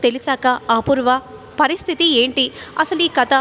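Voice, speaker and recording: A woman's voice: normal speed, a bit bright. A woman retelling a TV serial episode, narrating scenes and reading out each character's dialogue. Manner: retells scenes with quoted dialogue, rising pitch in emotional lines. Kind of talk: storytelling recap of a TV serial, voicing all characters. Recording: slightly dull audio with faint noise.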